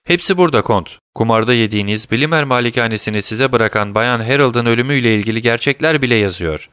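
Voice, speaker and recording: Sherlock Holmes, alaycı ve soğukkanlı dedektif bir erkeğin sesiyle. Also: male voice, medium pitch, fast, clean tone, no echo, studio quality, close to an everyday voice. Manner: calm, teasing, commanding. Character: cool, mocking male detective, middle-aged. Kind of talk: audiobook character voice.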